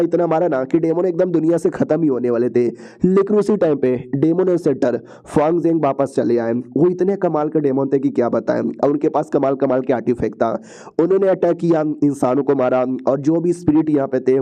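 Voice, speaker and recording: A man's voice: a little high, dark tone. A man narrating a comic-book story recap in a chatty, slangy way, often repeating phrases. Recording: dull lo-fi recording.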